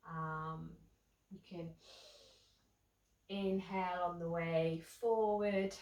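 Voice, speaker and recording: A woman teaching a seated yoga class, talking gently and casually, with many ums. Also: on the low side, roomy sound, distant mic, low-quality recording. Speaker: yoga instructor. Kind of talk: guided seated yoga instruction.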